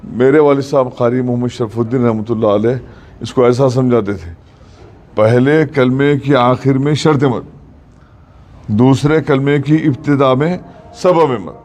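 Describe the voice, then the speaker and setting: A man teaching a recitation class in a mosque. He explains patiently, asks his students questions, and keeps a middle pitch. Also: a little mellow.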